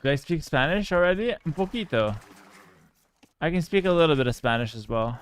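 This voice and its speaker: A fairly high-pitched, animated Canadian man talks fairly quickly over a clean recording while playing a game live. He jokes around, swears casually, keeps a relaxed vibe, and reads his chat aloud.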